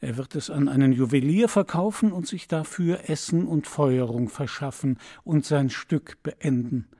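A man voicing a gentle, sorrowful prince statue in an audiobook fairy tale, speaking softly and tenderly. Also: moderate pace. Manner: soft, low and tender.

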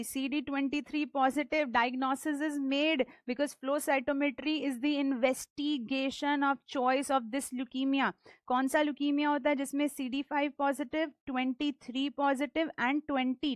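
A woman's voice: sits high, dry recording. A woman in her thirties with a North Indian accent, lecturing emphatically on exam questions, repeating key points and asking questions that she answers herself. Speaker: pathology teacher. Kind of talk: exam question lecture mixing English and Hindi.

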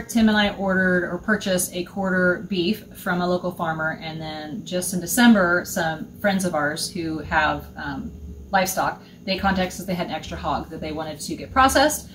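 A woman's voice: fairly low pitch, a little hiss or hum. A woman in her thirties chatting casually as she walks through her homestead rooms, explaining things step by step. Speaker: homesteader vlogger. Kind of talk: casual show-and-tell. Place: small indoor utility room.

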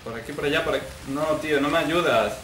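A man from commenting casually on a horror game, excitable, swearing and yelling at it. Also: on the high side, fast, echoey room, distant mic, background noise. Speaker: gameplay commentator.

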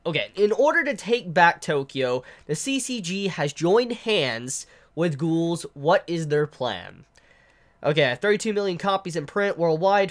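In his living room, near the couch, a young man in his twenties with the flu rambles through a manga chapter review to camera, stumbling as he sounds out fictional words. His voice is slightly high and fairly bright.

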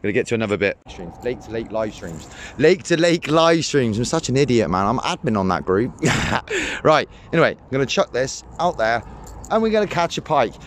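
Excitable young man chatting outdoors. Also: mid-range voice, moderate pace, a little hiss or hum. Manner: excitable, rambling, lots of fillers. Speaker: angling vlogger. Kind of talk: casual chat to camera. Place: outdoors by a rural ditch.

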